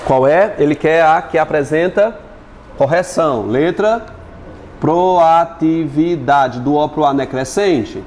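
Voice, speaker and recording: A man with a Brazilian Portuguese accent teaching an exam-prep lesson, chatty and joking, stretching words out slowly as he splits syllables. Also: a little high, lively intonation, a little mellow, a little hiss or hum. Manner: chatty, jokes with students, spells words out slowly.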